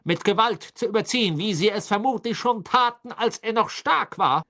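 A reader voicing a stern, hate-filled father who presides as a judge, barking his charges in a loud, clear voice in a dramatic audiobook reading. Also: medium pitch, normal speed, pitched above the performer's own voice. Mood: stern, furious.

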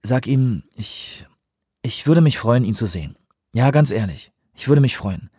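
A man's voice: medium pitch, expressive, measured pace, mellow, breathy edge, dry recording, clean studio sound. A man voicing a character who gasps out his words between bursts of laughter, in a German audiobook reading. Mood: earnest. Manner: breathless, laughing through words. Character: man, shaken by a laughing fit.

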